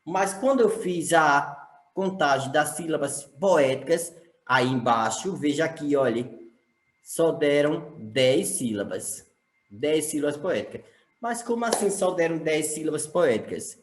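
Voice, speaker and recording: A man's voice: a little high, lively intonation, unhurried. Man teaching in an echoey room. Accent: Brazilian Portuguese from Sergipe. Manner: explanatory, asks rhetorical questions. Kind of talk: recorded online lesson.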